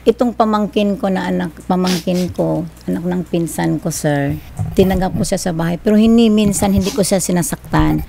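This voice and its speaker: Gravelly woman pleading denials. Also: lowish voice, normal speed, background noise. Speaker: accused employer. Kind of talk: defensive testimony.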